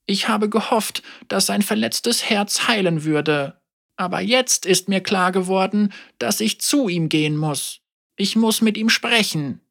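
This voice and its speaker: A storybook reader voicing an elderly woman, a teacher and mother, wry, calm and gently teasing. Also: medium pitch, a little slow, creaky, pitched above the performer's own voice.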